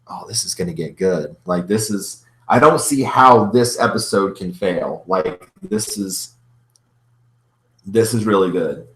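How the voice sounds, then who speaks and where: A man hosting a casual reaction video, commenting with gushing, repetitive fan enthusiasm. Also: on the low side. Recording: roomy echo, faint music behind.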